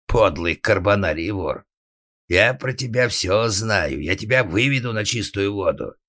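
A man voicing a suspicious, blustering male organ grinder who shouts accusations in an audiobook. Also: fairly low pitch, lively intonation, unhurried, no room sound, clean studio sound, pitched above the performer's own voice, full character voice. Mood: angry. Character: drunken, suspicious, bullying middle-aged male organ grinder. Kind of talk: audiobook character acting.

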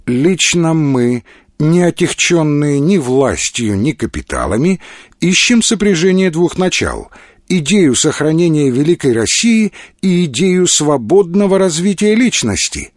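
A man reading as a young liberal intellectual who measures every sound with dignity, his voice rising and falling in lively arcs. He sounds dry and close, as in a storybook read aloud. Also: a little high, unhurried, no room sound, voice pushed up. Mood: earnest. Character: earnest pompous young male mathematician liberal.

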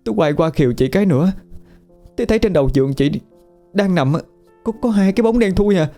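Guy doing a scared stammery woman, squeaky high voice, words tumbling out fast. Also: animated, dark tone, faint music behind. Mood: frightened stammering. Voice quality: stammering, breathless rushing speech. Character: panicked middle-aged woman, stammering, terrified of ghosts.

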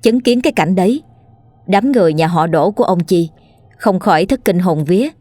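A woman narrating a scripted ghost story in a steady, measured way. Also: fairly low pitch, no room sound.

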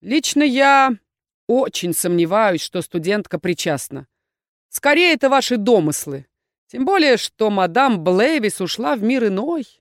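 A woman reading a calm, authoritative male rector who speaks in a measured, dryly dismissive way. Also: medium pitch, no room sound, clean studio sound.

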